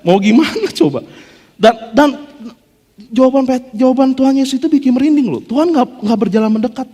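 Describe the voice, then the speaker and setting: A man's voice: very high voice, brisk. A man preaching a casual, joking sermon as a pastor, acting out quotes as he goes. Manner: animated, jokey, acts out quotes. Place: church hall. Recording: long hall reverb.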